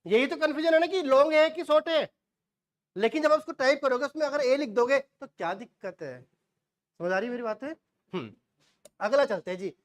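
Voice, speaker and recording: A man's voice: extremely high pitch, animated, brisk. A man in his forties teaching shorthand, quizzing the class and answering his own questions, with folksy asides. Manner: homely asides and jokes. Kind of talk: classroom lecture.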